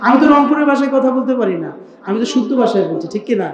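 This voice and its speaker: A young male preacher from Rangpur with a strikingly high voice delivers a fervent sermon. He chants his phrases in a sing-song cadence and rises to loud shouts, calling on the crowd to answer. The sound rings through a roomy, echoing public-address setup. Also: expressive, racing, muffled recording. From Rangpur, Bangladesh. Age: young adult. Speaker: Islamic preacher. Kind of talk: fiery sermon at a religious gathering.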